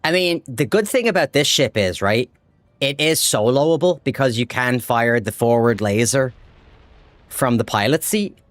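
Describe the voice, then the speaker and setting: Excitable Irish man streaming a game. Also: mid-range voice, measured pace, no echo. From Ireland. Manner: excitable, swears freely, talks to chat. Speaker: livestream gamer. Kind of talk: casual live gameplay chat.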